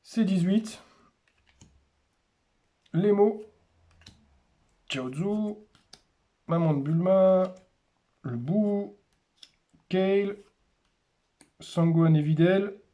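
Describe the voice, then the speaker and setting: Slow, mellow-voiced man naming cards. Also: sits high. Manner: names cards one by one in short, unhurried remarks. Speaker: host opening a card display. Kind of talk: casual unboxing commentary.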